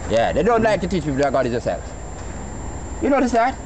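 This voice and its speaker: A man's voice: on the high side, huge pitch swings, quick pace. A man with a Jamaican accent philosophizing informally, teaching by quizzing his listeners with rhetorical questions. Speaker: Rastafarian farmer. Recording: noisy outdoor recording with traffic.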